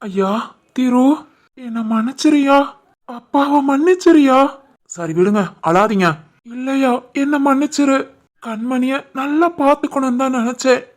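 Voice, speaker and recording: A woman acts out a remorseful older village father in an animated family drama. He pleads in a choked, emotional voice with a Kanyakumari Tamil accent. The voice sits a little high for a man. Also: unhurried.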